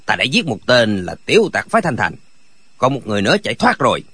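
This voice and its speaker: A man's voice: medium pitch, huge pitch swings, quick pace, fairly bright tone, slightly rough, no room sound, full character voice. A man voicing a boastful, hot-tempered rogue who threatens and blusters in an audiobook. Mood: blustering.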